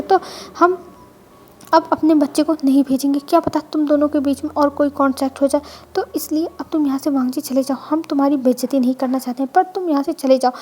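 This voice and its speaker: A woman's voice: high voice, a little mellow, slight background noise, close to an everyday voice. A woman voicing a smug, stern, unyielding matriarch in a storybook retelling. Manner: cold and commanding.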